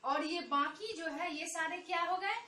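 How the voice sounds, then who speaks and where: A high-pitched woman teaches schoolchildren a lesson, speaking slowly and patiently and stretching out the vowel sounds she demonstrates. She sits a little back from the microphone, so her voice carries the echo of the room. A faint room hum lingers behind her. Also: pushed and bright, distant mic, faint music behind. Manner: slow, patient, repeats points and drawn-out vowel sounds. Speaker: Hindi teacher. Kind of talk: online Hindi lesson for children. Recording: echoey room, voice a bit off-mic.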